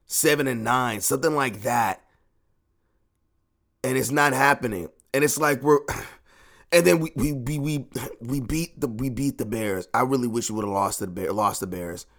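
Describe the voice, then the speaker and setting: Brief: male podcast host venting, agitated and profane, loops the same phrases, mid-pitched, home podcast room. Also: a bit bright. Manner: agitated, repeats himself, swears freely. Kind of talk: ranting sports talk.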